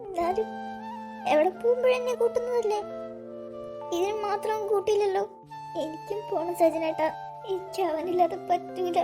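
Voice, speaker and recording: A woman's voice: very high voice, normal speed, pauses often, music in the background. A woman voicing a grief-stricken young woman in a cartoon drama, sobbing and pleading in a breaking voice. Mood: grieving.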